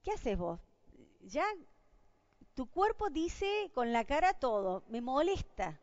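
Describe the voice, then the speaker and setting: Argentine woman lecturer, animated higher voice, dull dry lo-fi recording. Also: slow pace, no echo. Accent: Argentine Spanish. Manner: lively, rhetorical questions to the audience. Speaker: lecturer on job interviews. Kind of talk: university lecture.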